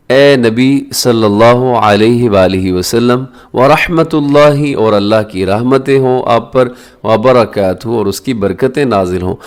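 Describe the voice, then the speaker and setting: Man, prayer recitation teacher, smooth resonant voice, slow measured delivery. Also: fairly low pitch. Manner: slow drawn-out recitation between quick explanations. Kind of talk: instructional recitation lesson.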